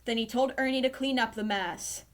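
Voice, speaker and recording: A woman reading a children's storybook aloud in a slow, clear storytelling manner. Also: fairly high pitch, steady tone, a bit bright. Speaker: storybook reader.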